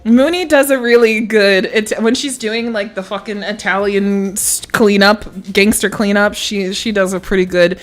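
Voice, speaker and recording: A woman's voice: mid-range voice, steady tone, moderate pace, few pauses. A woman streamer chatting casually on a livestream, swearing freely and often breaking into laughter. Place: standing at a home streaming setup.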